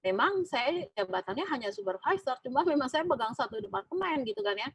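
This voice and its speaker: Husky-voiced woman preaching through a personal story. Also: sits high, lively intonation, fairly quick, fairly bright tone, poor audio. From Indonesia. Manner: storytelling, acts out quoted dialogue with many fillers. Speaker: speaker at a prayer fellowship. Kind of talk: sermon with personal testimony. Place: church fellowship room.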